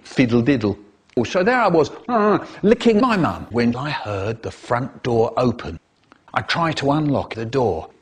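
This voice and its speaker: Brief: male storyteller, big swooping delivery, slightly husky, full of noises and voices. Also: medium pitch, unhurried. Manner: very expressive, with sound-effect noises and voices. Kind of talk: animated comic story reading.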